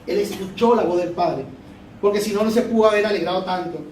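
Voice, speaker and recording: A male preacher with a lilt delivers a fervent sermon in a strikingly high voice. He circles back on his phrases for emphasis. The sound reaches a distant mic in a reverberant church hall over a faint hum. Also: brisk, a little mellow.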